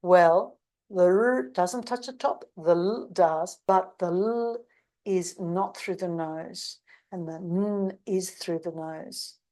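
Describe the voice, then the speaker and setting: An Australian woman gives an English pronunciation lesson in a slightly low voice. She speaks extremely slowly, modeling each sound and short word in an exaggerated, deliberate way for learners to copy. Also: warm tone. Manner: slow, exaggerated speech modeling of single sounds and words. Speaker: pronunciation teacher.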